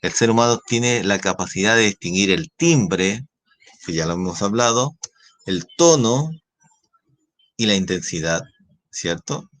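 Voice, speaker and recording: A man's voice: on the low side, animated, measured pace, pauses often, a bit bright. A man with a Chilean accent, a science teacher explaining a lesson and often checking in with tag questions. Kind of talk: recorded class lecture.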